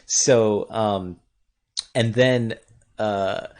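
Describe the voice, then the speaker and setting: A man's voice: fairly low pitch, extremely slow, smooth. A man who co-created and voiced a web series, chatting casually on a stream with lots of ums and restarts. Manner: lively, hesitant with many ums. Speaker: co-creator and voice actor.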